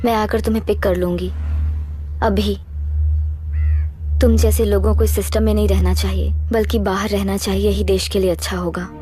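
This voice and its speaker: A woman's voice: mid-range voice, little pitch movement, moderate pace, long pauses, mellow, soft background music, close to an everyday voice. An actress dubbing an earnest young woman who asks her uncle for help in a Hindi film. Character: young woman, niece pushing to reopen a case.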